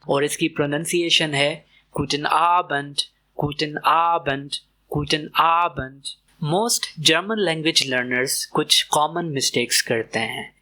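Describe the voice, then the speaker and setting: Slow, bright-voiced male language teacher. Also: on the high side. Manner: repeats words slowly for pronunciation drills. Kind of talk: scripted language lesson.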